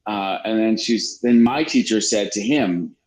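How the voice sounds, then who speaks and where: A man's voice: fairly low pitch, a little slow, a little mellow, low-quality recording. A man telling a childhood story in casual, profane podcast chat. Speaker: podcast guest.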